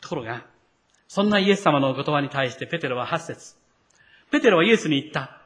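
A man's voice: on the high side, lively intonation, quick pace, fairly bright tone. A male pastor preaching a sermon, speaking to the congregation directly and acting out the quoted lines.

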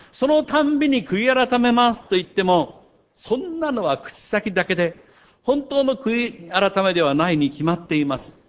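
An older man preaching a sermon. He tells stories, rising to loud emphasis and dropping to hushed asides. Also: high-pitched. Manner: storytelling with wide swings between loud emphasis and hushed asides. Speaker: pastor.

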